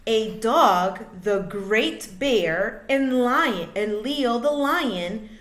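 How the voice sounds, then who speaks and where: Reading a children's book to young listeners, this teacher uses a very animated, fairly high voice. Each phrase is shaped with care and expression, and the sound echoes around the room.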